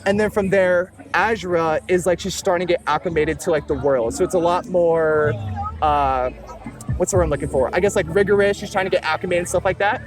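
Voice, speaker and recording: Music sits beneath the voice of a young male music producer, a native Tagalog speaker, as he chats loosely and fills his talk with fillers during an outdoor interview on a beach near traffic. His pitch is on the high side and he talks fairly fast.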